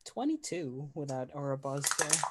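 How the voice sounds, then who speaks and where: A man's voice: a little high, sing-song, normal speed, heavy background noise. A man talking through a voice changer, joking around as a player in a tabletop game. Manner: joking, teasing. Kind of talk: casual tabletop game chat.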